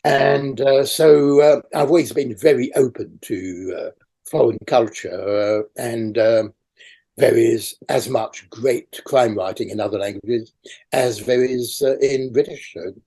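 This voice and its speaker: Interviewed over video call about his role as awards chair, an older native French speaker raised in France rambles through his answers with plenty of fillers. He has a medium-pitched voice that sounds gravelly, mellow, and husky.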